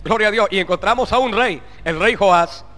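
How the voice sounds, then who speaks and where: High, bright-voiced preacher in an echoing hall. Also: male voice, moderate pace. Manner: fervent preaching, with frequent interjected "aleluya" and "bendito Cristo"; swings from loud exhortation down to muttered asides. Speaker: pastor. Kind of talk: sermon. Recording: long reverb of a large hall.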